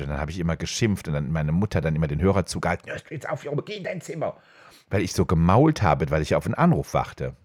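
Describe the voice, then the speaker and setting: Middle-aged male podcast host, low voice with a lively pitch range, chatty storyteller, dry close recording. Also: no echo. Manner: animated, jumps high when quoting others. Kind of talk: casual storytelling chat. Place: home studio.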